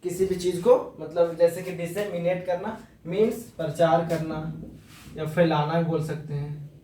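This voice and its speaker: A man's voice: on the high side, fairly even intonation, dark tone, recorded from a distance, a little hiss or hum. Man teaching words in an echoey room. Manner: explains slowly in Hindi mixed with English, repeating words and spelling them out. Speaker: English vocabulary teacher. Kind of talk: informal vocabulary lesson.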